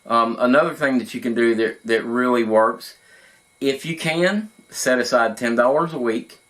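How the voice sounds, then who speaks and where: A man's voice: medium pitch, moderate pace, a bit bright. A man hosting a video, speaking casually to the camera in an informal, folksy way, recorded in an echoey untreated room. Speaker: host of a prepping video channel. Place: indoor studio not set up for recording.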